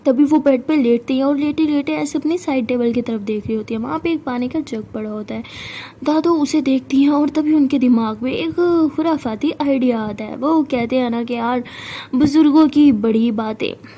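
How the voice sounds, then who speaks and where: A woman's voice: high-pitched, normal speed, mellow. Chatty woman storyteller. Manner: chatty, conversational. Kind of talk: casual spoken storytelling.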